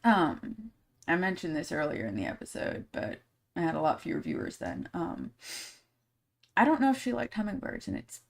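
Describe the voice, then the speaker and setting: A woman with a low, deep-set voice talks casually on her podcast live stream. She is candid and blunt, swears freely, and rambles with many fillers between her thoughts. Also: wildly swooping pitch, a little fast, vocal fry. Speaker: podcast host.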